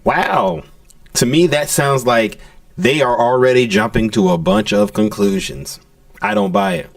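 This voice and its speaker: A man's voice: on the high side, unhurried, gravelly, dry recording, recorded from a distance. A man delivering skeptical, indignant livestream news commentary, speaking directly to viewers.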